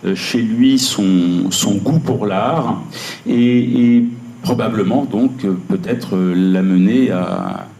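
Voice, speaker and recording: A male interviewer with a low, mellow voice who speaks very slowly, halting often. He sounds echoey, as if recorded in a roomy lecture hall. Faint noise hums behind him. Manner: slow, halting, many fillers. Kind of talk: public interview questions. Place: lecture room.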